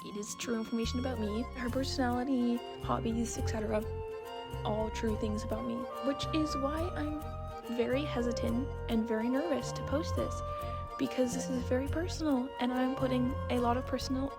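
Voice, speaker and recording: This young artist and video maker talks at a normal speed in a slightly high voice with fairly even intonation, backed by background music. She keeps her voice-over chatty and loose, wandering a bit and putting herself down in a lighthearted way.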